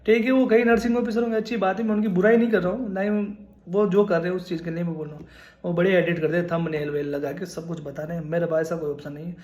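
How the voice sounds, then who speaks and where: A man's voice: sits high, fairly even intonation, quick pace, darkish tone, echoey room. A man in his twenties giving casual, earnest advice on studying for a nursing exam, repeating points and calling listeners brother. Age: 20s. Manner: earnest, repetitive, addresses viewers as brother. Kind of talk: casual advice talk to camera.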